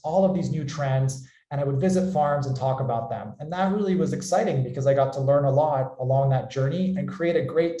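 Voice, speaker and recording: An upbeat American company founder introduces and hosts an online webinar with enthusiasm from an indoor room. His voice is medium-pitched and mellow, and the sound is roomy and echoey.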